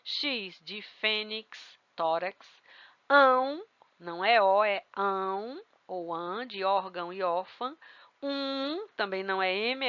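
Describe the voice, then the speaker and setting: A woman teaching a grammar lesson, spelling out letters and checking understanding with quick questions. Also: medium pitch, pushed and bright, dry recording, highs cut off. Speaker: Portuguese teacher.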